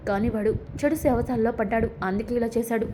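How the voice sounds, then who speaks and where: A woman's voice: on the high side, fast talker, mellow, a little hiss or hum, close to an everyday voice. A woman narrator speaking the lines of a worried young wife who pleads anxiously and defends herself.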